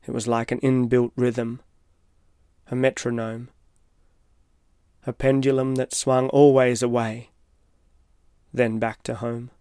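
A man reading his own reflective, literary personal essay as scripted narration, in a measured way. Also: medium pitch, level tone, clear, resonant tone, dry recording, studio quality. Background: soft guitar music.

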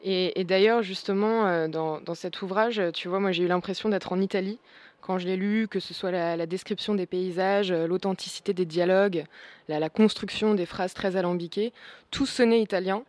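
A woman's voice: lowish voice, moderate pace, darkish tone, dry recording. A young woman hosting a casual chat show, talkative, with lots of fillers and restarts. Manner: chatty, many fillers and restarts, laughs along. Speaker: radio show host.

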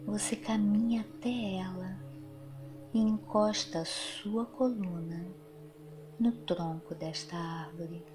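A woman narrating a guided meditation in a soft, soothing, breathy voice that trails into a near-whisper, with long pauses. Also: lowish voice. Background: music.

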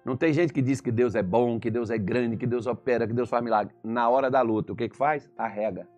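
A man's voice: mid-range voice, fairly quick, faint music behind. A Brazilian man preaching as a pastor, telling stories and firing rhetorical questions. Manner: animated storytelling, rhetorical questions. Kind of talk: sermon.

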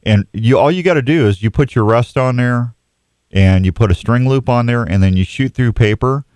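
A man's voice: medium pitch, normal speed, a little mellow, clean tone, no echo. A man hosting an outdoors radio show, chatting casually and jokingly with callers in a folksy way. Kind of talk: casual live sports radio chat with callers. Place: radio studio. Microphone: close studio microphone.

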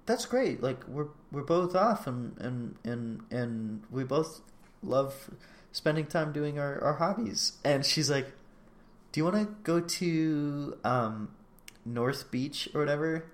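A man's voice: a little high, slow. A man co-hosting a casual podcast, recapping a show. He replays the dialogue line by line, putting on each person's voice in turn. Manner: animated retelling, acting out both sides of a conversation. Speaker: podcast co-host.

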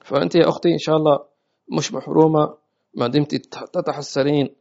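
A gravelly-voiced man teaching at a rapid clip, his pitch held almost flat. He answers viewers gently and often runs through repeated prayers. The sound is dull and lo-fi, like a home live stream. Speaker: religious teacher.

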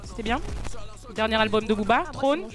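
A woman's voice: a little high, normal speed, over loud music. A woman hosting a casual chat show, thinking aloud as she talks. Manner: chatty, thinks aloud with restarts. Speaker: host.

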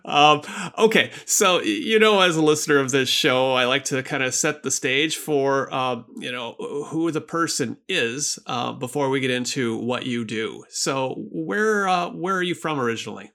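Gravelly-voiced male podcast host. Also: medium pitch. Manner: brisk ad reading, relaxed chat with fillers. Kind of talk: read ads, then casual interview.

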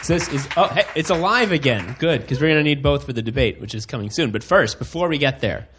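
A man's voice: medium pitch, animated, fast talker, noisy background. A man hosting a live show, introducing the next speaker in an upbeat, casual way. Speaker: host.

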